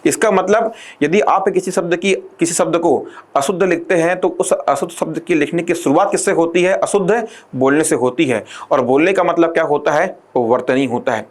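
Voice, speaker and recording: Speaking at a fairly high pitch, a man teaching an exam-prep class keeps throwing rhetorical questions at his students and slows his pace whenever he dictates definitions.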